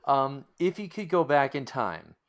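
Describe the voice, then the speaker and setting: Unhurried and expressive, a man with a mid-range voice hosts a casual podcast interview. He comes across as sympathetic, thoughtfully working out his phrasing as he goes.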